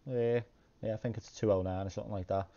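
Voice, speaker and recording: A man's voice: fairly low pitch, steady tone, fast, mellow, dull audio. A man hosting a sim racing video, talking casually to viewers in an informal, somewhat hesitant way at home. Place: indoor home sim rig.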